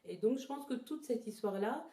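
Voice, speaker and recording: Slightly high, animated, and mellow, this woman's voice carries reflective, personal interview answers full of pauses and repeated words as she searches for phrasing. A traditional therapy practitioner, she was born in Togo, lived in Ghana, and came to France as a child. The recording, made inside a house, echoes noticeably.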